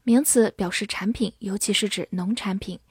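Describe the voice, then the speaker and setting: A young woman teaching English vocabulary, spelling out words letter by letter and reading example sentences slowly. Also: mid-range voice, a little mellow, slightly rough, no room sound, studio quality. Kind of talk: vocabulary lesson.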